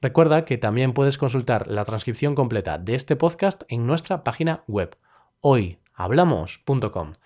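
A man from Spain with a Spanish accent, hosting a daily podcast that teaches Spanish expressions, with clear, measured delivery and a light touch of humor. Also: medium pitch, expressive, a little mellow. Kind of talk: scripted explanatory podcast lesson.

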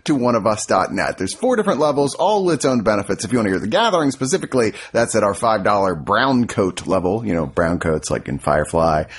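A man's voice: fairly low pitch, sing-song, fast, few pauses. Casual American man hosting, noisy background. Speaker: podcast host. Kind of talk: casual, rambling podcast chat.

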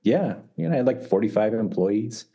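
Deep-voiced man joking on a podcast. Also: lively intonation, a little fast, mellow, slightly rough. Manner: jokey, does playful put-on voices. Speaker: podcast co-host. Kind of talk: casual chat.

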